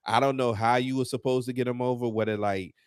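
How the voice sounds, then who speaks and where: Speaking quickly in a medium-pitched, clean-toned voice with fairly even intonation, a wrestling podcast co-host rants with animated, slang-heavy, filler-filled energy that turns heated. The studio-quality recording has no room sound.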